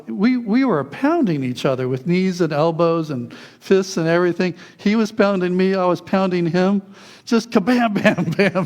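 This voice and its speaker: A man with a fairly high voice preaches with lively, animated storytelling. He chuckles as he goes and acts out the voices of the people in his anecdotes before easing into his lesson. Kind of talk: sermon with childhood anecdotes.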